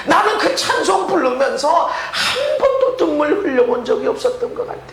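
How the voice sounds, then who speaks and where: Animated high-pitched woman preaching, roomy echo. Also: moderate pace, slight background noise. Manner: emotional storytelling, bursts into shouts and laughter. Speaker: pastor. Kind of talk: sermon. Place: church sanctuary.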